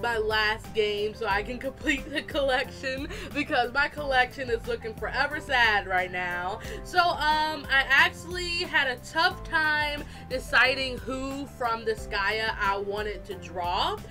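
A woman with a high, bright voice talks casually as she narrates her art video. She is chatty, animated and quick to poke fun at herself. Soft music plays behind her, and a fan is running nearby. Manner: chatty, animated, self-deprecating. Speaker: artist and video host. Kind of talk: casual speed-drawing voice-over.

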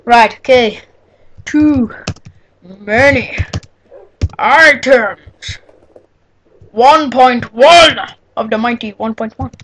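A woman's voice: fairly high pitch, drawn-out words, long pauses, a bit bright. A teenage girl chatting and giggling through a casual computer tutorial on a cheap microphone at home. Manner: giggly, chatty, exclaims often. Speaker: tutorial maker. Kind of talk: casual screen-recorded tutorial.

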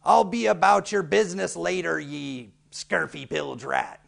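A man putting on the voice of a gruff male pirate, with a slow gravelly growl. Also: fairly high pitch, a bit bright, full character voice. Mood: sneering.

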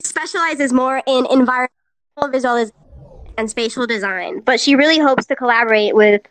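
A woman's voice: sits high, a little fast, a bit bright, no room sound, low-quality recording. A woman co-hosting an online event, relaying comments from the chat in a casual, chatty way. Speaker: co-host reading chat comments. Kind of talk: casual live-stream chat.

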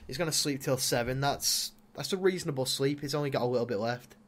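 A man's voice: medium pitch, fast. Chatty young man playing a game. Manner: chatty, talks to his Sim, bursts into loud exclamations. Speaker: gaming YouTuber. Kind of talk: casual Let's Play commentary.

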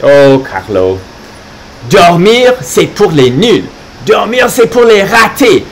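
A man's voice: high voice, big pitch swings, slow pace, a little hiss or hum. A man teaching French to children, reading a holiday storybook aloud live and stopping to explain words in English.

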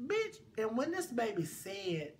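A man's voice: high voice, huge pitch swings, a little slow, a little hiss or hum. A man telling a story in a casual gossip chat, sassy and profane. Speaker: vlog co-host.

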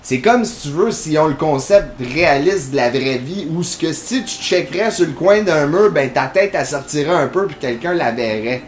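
A man's voice: fairly high pitch, lively intonation, normal speed, few pauses, reverberant, slight background noise. Quebec French man chatting over gameplay. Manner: chatty, rambling, full of fillers. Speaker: gaming channel host. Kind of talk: casual gameplay commentary.

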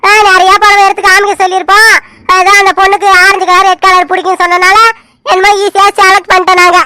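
A woman's voice: very high voice, monotone, quick pace, noisy background. A woman voicing a bossy woman from the groom's family who gives orders in a village family cartoon. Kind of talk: animated cartoon serial voice.

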